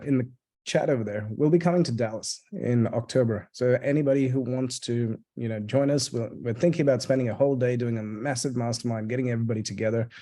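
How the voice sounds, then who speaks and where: An Australian man co-hosts a webinar, his voice warm and mellow. He talks casually and cheerfully, sharing updates and telling stories from his work. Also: medium pitch. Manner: upbeat storytelling, casual. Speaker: co-host. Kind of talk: live webinar chat.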